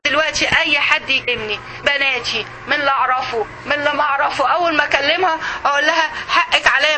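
A middle-aged woman with an Egyptian accent giving an informal religious lesson, lively and conversational, speaking straight to her listeners. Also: high-pitched, slight background noise. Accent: Egyptian Arabic. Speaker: religious teacher.

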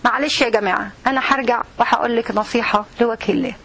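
An Egyptian woman teaches a religious lesson, her voice set high and her words coming quickly. She talks earnestly and straight to the women listening. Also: steady tone, a bit bright. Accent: Egyptian Arabic.

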